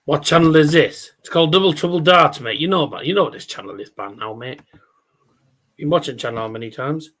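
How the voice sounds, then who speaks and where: A man's voice: a little high, brisk, a bit bright. A man giving casual live darts commentary as a stream host, chatty and rambling, with scores called out like a darts caller.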